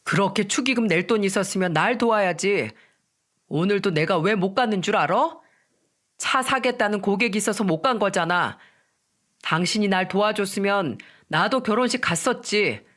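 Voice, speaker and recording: A sulky, self-pitying husband grumbles and shifts the blame onto his wife, as a woman narrator reads his lines. The delivery stays close to the reader's own middle-pitched voice. It sits inside a spoken storybook reading. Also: expressive, normal speed, fairly bright tone, natural voice. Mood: resentful. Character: petty, resentful husband, a car salesman.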